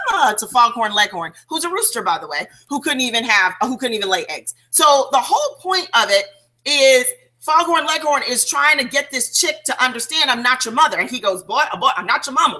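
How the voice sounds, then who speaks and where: A woman runs a sales training call, talking in a chatty, animated way and filling pauses with restarts. Her voice sits a little high and sounds bright and forward. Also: rough recording. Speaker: network marketing trainer.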